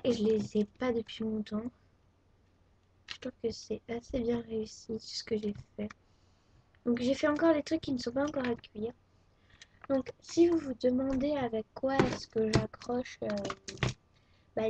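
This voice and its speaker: A teenage girl from France, a craft vlogger, chats hesitantly and with plenty of fillers as she shows her crafts to a webcam at home. Her voice is a little high, mellow and husky. The webcam audio is dull and lo-fi, and a vacuum cleaner hums faintly behind her.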